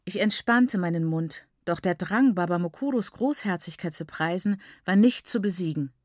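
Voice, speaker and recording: A woman reading a first-person novel aloud in a calm, even narration. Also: lowish voice, normal speed, no room sound. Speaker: audiobook narrator. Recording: dry close studio recording.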